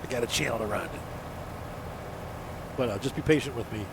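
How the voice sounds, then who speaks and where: Speaking briskly in a mid-range voice, a man with a badly plugged nose from allergies rambles casually and folksily as host of a gaming channel. He sounds congested, and there is noticeable background noise.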